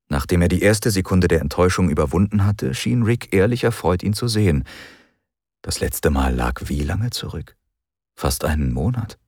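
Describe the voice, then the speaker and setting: A man reading an audiobook as narrator, in calm, measured storytelling. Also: sits low, no echo, studio quality. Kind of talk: scripted narration.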